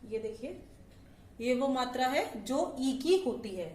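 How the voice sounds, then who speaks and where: A woman teacher patiently explaining letter sounds to small children, stretching out syllables slowly and checking in often. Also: high voice, expressive, darkish tone. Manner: patient, slow, drawn-out syllables with frequent "theek hai". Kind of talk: Hindi phonics lesson for young children. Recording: echoey room, mic at a distance.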